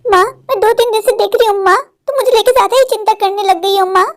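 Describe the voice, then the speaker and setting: A woman's voice: very high voice, fast. A woman voicing a stubborn modern college girl in a cartoon, pleading and arguing with her mother. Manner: pleading, argumentative, repeats "maa". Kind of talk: Hindi cartoon voice acting.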